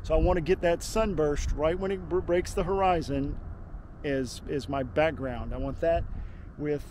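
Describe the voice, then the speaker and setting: Through a lapel mic on a windy open hilltop, a landscape photographer in his fifties casually thinks aloud about his camera settings, relaxed and using fillers and restarts. His voice is a little high and his pace moderate.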